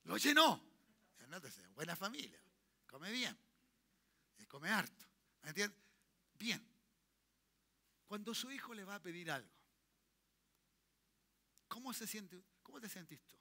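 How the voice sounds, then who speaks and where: Chilean pastor guy preaching in church, very high bright voice, keeps asking the crowd if they get it. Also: big pitch swings, measured pace, creaky, pauses often. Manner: checks in with the congregation constantly; leads call-and-response, tells listeners to repeat. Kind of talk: sermon.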